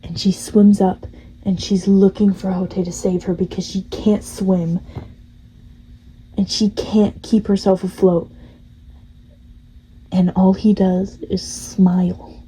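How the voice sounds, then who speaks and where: A woman's voice: medium pitch, flat delivery, slow pace, pauses often, dark tone, slightly rough, rough recording. A young woman hosting a gaming channel, rambling casually through a game's story and laughing at it. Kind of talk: casual story recap of a game.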